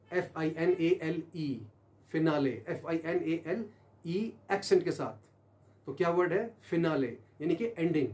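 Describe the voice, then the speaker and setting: Male teacher, slightly high, dark-toned voice, spells words slowly and repeats them. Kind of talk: pronunciation lesson.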